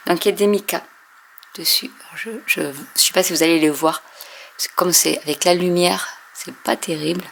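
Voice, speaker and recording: A woman casually showing and testing inks, hesitating often with many fillers and often trailing off softly. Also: fairly low pitch, fairly even intonation, moderate pace, creaky, a little hiss or hum. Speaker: craft video host. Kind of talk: casual product demo.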